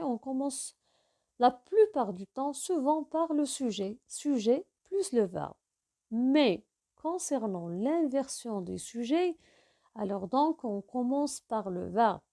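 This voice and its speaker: A woman teaching French in a video lesson, explaining slowly and repeating example sentences. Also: on the high side, dark tone. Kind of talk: classroom-style video lesson.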